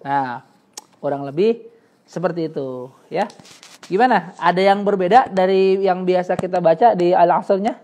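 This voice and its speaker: A man teaching Quran recitation in a casual, chatty way, slowly sounding out Arabic letters and laughing often between explanations. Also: sits high, mellow. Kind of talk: casual tajwid lesson.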